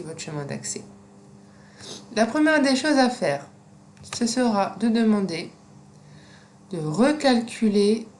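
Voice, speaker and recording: A woman with a non-native French accent giving a screen-recorded software tutorial, explaining steps slowly with frequent fillers. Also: mid-range voice. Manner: slow, step-by-step instructions with frequent fillers. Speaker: teacher.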